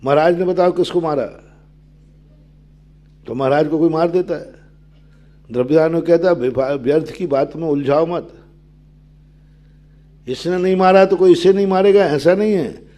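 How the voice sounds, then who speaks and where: An older man, a Jain monk, giving a sermon that explains scripture, asking his listeners questions and answering them, with verses chanted in a low sing-song. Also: moderate pace, pauses often, warm tone.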